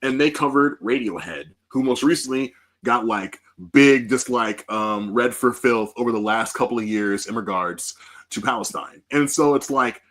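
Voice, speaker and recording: A man hosting a casual music podcast, talking in a loose, profane and animated way into a podcast mic. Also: mid-range voice, normal speed. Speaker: podcast host.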